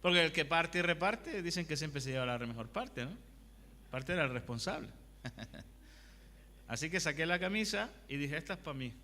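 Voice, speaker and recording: A man's voice: on the high side, animated, moderate pace, pauses often, bright, forceful tone. A male pastor preaching a conversational sermon, asking the congregation questions and telling personal anecdotes. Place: church hall. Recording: long hall reverb.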